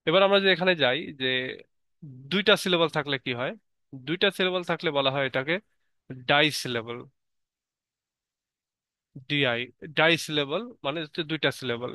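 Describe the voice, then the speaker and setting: A man's voice: fairly high pitch, moderate pace, pauses often, bright, forceful tone, no room sound. A man teaching a grammar lesson, patiently explaining and spelling words out letter by letter.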